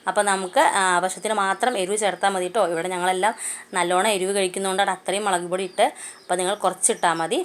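Quick-talking chatty Malayali home cook. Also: female voice, medium pitch, fairly even intonation. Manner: chatty, homely, keeps adding "kettō" asides. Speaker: cooking channel host. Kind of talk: casual cooking vlog narration. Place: home kitchen. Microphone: phone.

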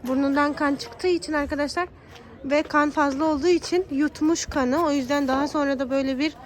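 A woman's voice: high-pitched, steady tone, a little fast. A young woman and mother chatting casually to her viewers in a home vlog. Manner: chatty, addresses viewers as friends. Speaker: vlogger and mother. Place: family home. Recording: noisy home recording.

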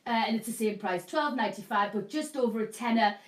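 A fast-talking middle-aged woman with a fairly high voice and a Northern English accent hosts live home shopping, her patter rambling, jokey and chatty. A cold leaves her snotty and coughing. Audio comes from a camera mic at short range in a small indoor room, with no proper mic used.

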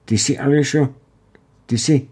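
A man's voice: medium pitch, fairly even intonation, a little mellow, husky, pitched above the performer's own voice. A man voicing a weak wounded airman. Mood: moved. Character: wounded male airman on a stretcher.

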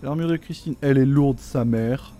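A man's voice: mid-range voice, moderate pace, dark tone. A man giving casual let's-play commentary, joking, swearing and reading game text aloud. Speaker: gameplay commentator. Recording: faint game music behind.

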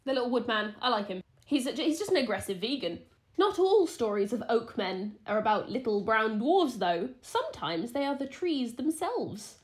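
A woman's voice: a little high, moderate pace. A woman co-hosting a podcast, reading a folklore story with playful asides. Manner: lively, playful, giggly asides. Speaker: podcast co-host.

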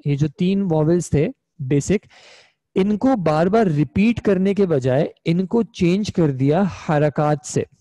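A man's voice: a little high, takes it slowly, mellow, dry recording. A young man teaching an online Arabic grammar class, explaining patiently step by step and checking in with his students. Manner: patient, explains step by step, often asks "ठीक है?".

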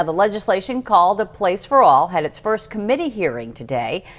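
A woman in her thirties anchoring a TV news interview, asking direct, pressing questions. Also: lowish voice.

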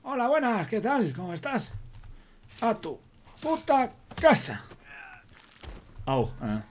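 A roleplay streamer with a Spain Spanish accent gives in-character game commentary, joking, swearing a lot, talking to himself and cooing at animals. His high-pitched voice swings hugely in pitch at a slow pace, with slight background noise.

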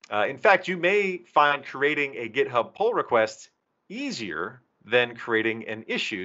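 A software documentation team presenter explains his slides conversationally on a video call, leaning on emphatic phrasing. He speaks at a medium pitch with a pushed, bright quality, heard through dull, compressed call audio.

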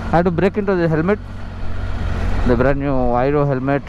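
Male motovlogger, slightly high voice, rambling talk through a helmet mic, heavy wind roar. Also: lively intonation, a little fast, dull audio. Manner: chatty, rambling, thinking aloud. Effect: talking through a helmet mic while riding. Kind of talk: casual riding commentary. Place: on a motorbike on city roads, outdoors. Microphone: helmet-mounted mic. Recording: loud wind and road noise in a helmet mic.

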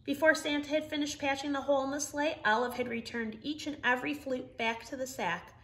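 A middle-aged woman reading a children's story aloud in an expressive, emphatic storytelling manner. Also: high voice, a little fast. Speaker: storybook reader. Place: living room, indoors.

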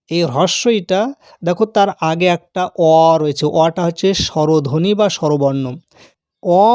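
A man teaching a grammar lesson, explaining slowly and patiently and repeating the key terms. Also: high voice, darkish tone, dry recording, studio quality.

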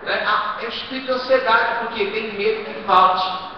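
A man preaching a sermon to his congregation, asking rhetorical questions and swinging between quiet asides and loud exhortation. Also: high voice, moderate pace, a little hiss or hum. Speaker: pastor. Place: church hall. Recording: echoey hall, distant muffled live stream.

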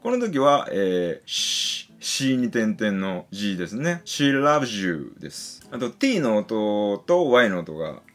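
A man giving a casual pronunciation lesson, patiently explaining and slowly sounding out example syllables and words. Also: lowish voice, very animated. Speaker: English pronunciation teacher.

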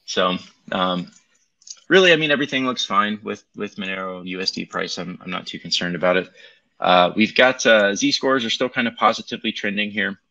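A man's voice: lowish voice, expressive, a little fast, creaky, bright, forceful tone. Man on a tinny Bluetooth mic. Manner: loose, rambling, lots of ums. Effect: tinny Bluetooth mic sound. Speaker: crypto market commentator. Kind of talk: casual livestream chart talk. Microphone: Bluetooth headset.

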